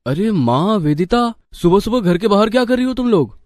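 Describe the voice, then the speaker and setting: A man plays a stern young husband in an animated storybook, reproachful, with a lot of rise and fall in his speech. The recording is close and dry. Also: high voice, normal speed, dry recording. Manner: reproachful, lively intonation. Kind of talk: Hindi storybook voice acting.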